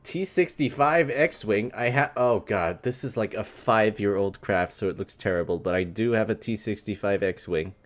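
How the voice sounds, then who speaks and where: Streamer, man in his twenties, low-leaning voice, wry and rambling while answering chat live. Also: moderate pace, hardly any pauses. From New York. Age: 20s. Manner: wry, rambling, reads chat aloud and reacts.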